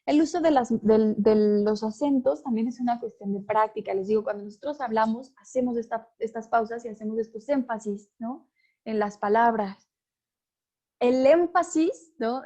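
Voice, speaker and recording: A woman's voice: a little high, dark tone. A woman teaching a class, explaining step by step and often checking in with her students. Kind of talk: online class lecture.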